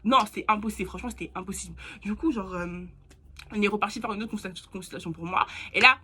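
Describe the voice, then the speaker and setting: A young woman telling a personal story in a casual, slangy, animated way, dropping to a hushed voice for asides. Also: quick pace, husky. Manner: chatty, animated, slangy, with bursts of squeaky laughter and hushed asides. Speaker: vlogger.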